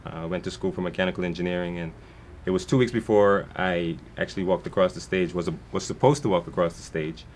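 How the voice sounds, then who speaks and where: A man's voice: low voice, steady tone, fast, hardly any pauses, darkish tone, a little hiss or hum. A man born in Guyana, a foundation founder speaking as a guest in a television interview, talking earnestly in long winding sentences with many restarts.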